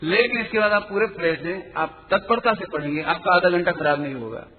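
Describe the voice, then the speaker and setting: A man teaching as a Jain teacher in a spiritual lecture, explaining quickly and earnestly and correcting pronunciation. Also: on the high side. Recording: tinny phone-like sound in a reverberant hall.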